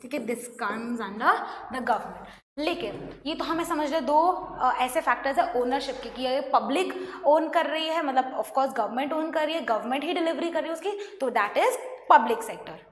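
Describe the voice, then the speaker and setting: A woman's voice: high voice, expressive, moderate pace. A woman teaching an online class, mixing Hindi and English and explaining by asking her students questions. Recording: echoey room, faint noise.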